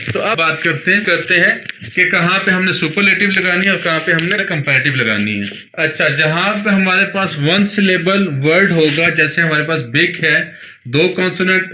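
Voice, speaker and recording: Bright-voiced man teaching a grammar lesson. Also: fairly high pitch. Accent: Pakistani Urdu. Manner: patient, repeats points, checks with 'theek hai'. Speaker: English teacher. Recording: echoey room with faint noise.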